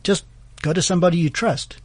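Husky man, earnest and encouraging. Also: high-pitched, fairly even intonation, quick pace, dry recording. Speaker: radio guest, business trainer. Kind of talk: casual radio interview.

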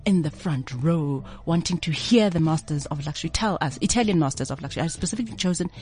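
A woman's voice: sits low, fast, a little mellow. A middle-aged South African woman with a buttery, honeyed voice, talking as an interior designer in a radio interview. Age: 40s or older.

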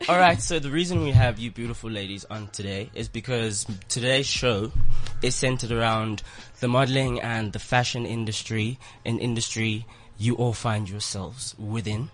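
A man's voice: medium pitch, moderate pace, few pauses, a bit bright. A man hosting a radio show in a studio, playful and full of slang. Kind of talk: casual studio chat.

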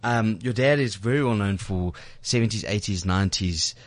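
In his radio studio, a host keeps a casual interview going with chatty, teasing exchanges, often restarting sentences and repeating himself. A lowish voice at a moderate pace comes through a studio microphone in a dry recording.

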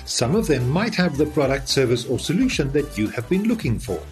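A man's voice: mid-range voice, sing-song, a little fast. A man hosting an interview podcast, reading a scripted introduction and then asking questions in a friendly way with hesitant fillers. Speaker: podcast host. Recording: echoey room with music under.

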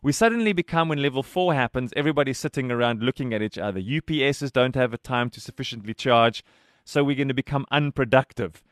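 Animated radio host. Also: male voice, mid-range voice, fast, no echo, clean studio sound. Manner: animated and conversational. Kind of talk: radio interview.

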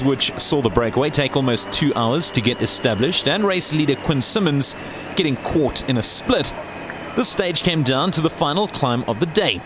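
A man delivering scripted sports highlights narration as a news narrator. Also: background noise.

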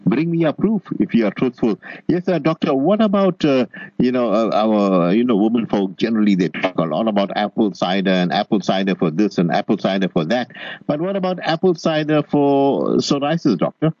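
A man's voice: lowish voice, animated, brisk, darkish tone, no echo, highs cut off. A man hosting a radio interview in a chatty, effusive way, with hesitant phrasing and Arabic religious expressions. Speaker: radio show host.

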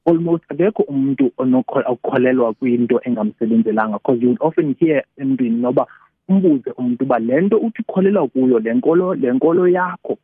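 A man with a South African Xhosa accent on a phone-like line, informally explaining religious teaching as a guest, halting and repeating phrases while switching between two languages. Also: medium pitch, expressive, breathy edge, no echo. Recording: narrow tinny phone-like line.

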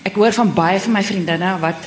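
A woman's voice: medium pitch, brisk. A woman with a South African accent, speaking informally as she moderates a panel discussion. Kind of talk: informal panel discussion mixing English and Afrikaans. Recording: echoey hall, faint background noise.

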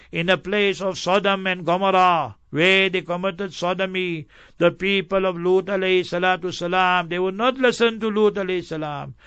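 A man with a high, ringing, smooth voice gives a Quran commentary lesson, quickly chanting verses and then hammering home their meaning with stacked synonyms. The recording is dry and slightly dull. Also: a bit bright, no echo. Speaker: Quran teacher.

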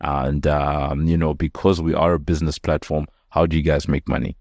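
A man's voice: a bass voice, level tone, normal speed, a little mellow, dry recording. A man hosting a business interview podcast, talking with many fillers and restarts. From South Africa. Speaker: podcast host.

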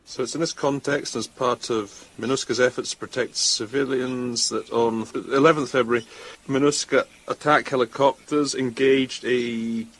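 A man's voice: medium pitch, fairly even intonation, normal speed, fairly bright tone, low-quality recording. A man speaking as a live interpreter, rendering a speech phrase by phrase with uneven pacing.

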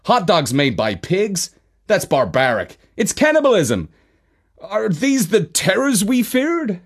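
A man's voice: high-pitched, wildly swooping pitch, slow pace, slightly rough, pitched above the performer's own voice, full character voice. A man voicing Marlowe, a squeamish, fussy male space-traveller companion in a children's story, with an indignant, shocked manner.

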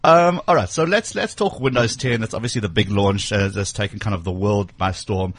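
A man's voice: lowish voice, husky, no room sound. A man hosting a radio tech show in studio, chatting casually and enthusiastically with lots of fillers. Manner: enthusiastic, quick, filler-heavy.

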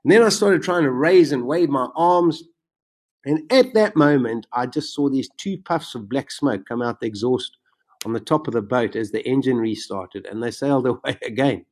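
A man telling his own survival story in conversation, animated and vivid, his voice jumping up when he relives the excitement. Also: medium pitch, moderate pace. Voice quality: self-described macabre sense of humor.

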